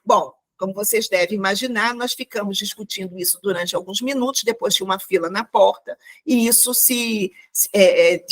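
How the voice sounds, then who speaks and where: A woman's voice: medium pitch, normal speed. A woman from Brazil teaching an online class, telling a story and reflecting aloud with many fillers and restarts. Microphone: video call.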